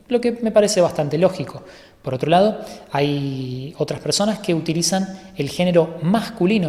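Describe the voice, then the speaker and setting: Man teaching yoga in an echoey room. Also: fairly high pitch. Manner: calm, methodical explaining, sometimes correcting himself mid-sentence. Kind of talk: online course lecture.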